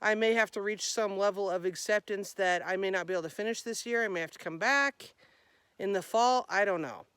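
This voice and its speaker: A woman's voice: mid-range voice, fairly quick, a bit bright, smooth, no echo. A woman talking casually for a vlog as a hiker, chatty and informal, thinking aloud as she goes. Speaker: vlogger, hiker.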